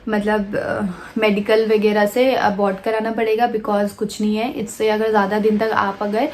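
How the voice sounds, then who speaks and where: A woman vlogger telling a personal story in a soft, hesitant way, pausing often with fillers and restarts. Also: mid-range voice, little pitch movement. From India.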